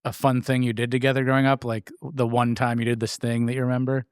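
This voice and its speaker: A man's voice: mid-range voice, little pitch movement, quick pace, clean tone, no echo, studio quality. A man hosting a podcast in a casual chat, joking, laughing along and asking questions. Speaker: podcast host.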